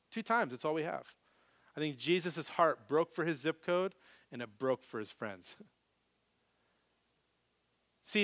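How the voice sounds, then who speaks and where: A pastor preaching a live sermon with a higher-than-usual voice. He is animated, pushing some lines out loud and dropping others to a hush. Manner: animated, swings from loud to very soft.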